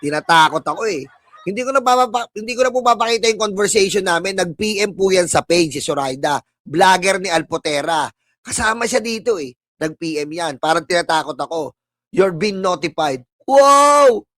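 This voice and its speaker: A high-pitched Filipino man hosts a live stream, taunting and sneering at his detractors and chuckling at his own insults. The sound is dry and close with no room around it. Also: a little fast, a bit bright, dry recording. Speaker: political livestream commentator. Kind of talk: mocking live-stream rant.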